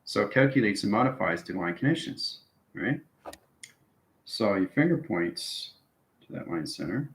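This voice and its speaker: A man with a lowish, expressive voice delivers an improvised esoteric lecture at a moderate pace, leaving long pauses. As a spiritual channel host, he instructs viewers repetitively and keeps checking in with quick tags like "okay" and "right." The room sounds large and echoing.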